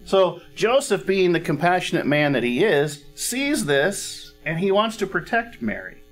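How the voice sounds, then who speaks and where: Preaching in an animated, high-sitting voice that's slightly raised, a middle-aged pastor takes his sermon at a slow, deliberate pace. His teaching style is conversational, with frequent "all right?" check-ins and an occasional throat-clear. Soft instrumental music drifts behind him on a church stage set up with a cozy fireplace.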